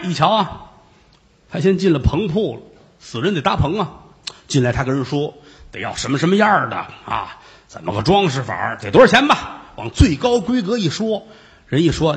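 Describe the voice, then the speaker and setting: Lively male storyteller. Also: medium pitch, in a large hall. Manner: wry, conversational asides. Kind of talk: traditional oral storytelling.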